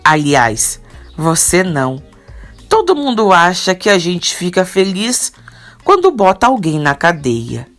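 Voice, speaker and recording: Woman reading soap opera policewoman, guarded, slow, low, lively pitch. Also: soft background music.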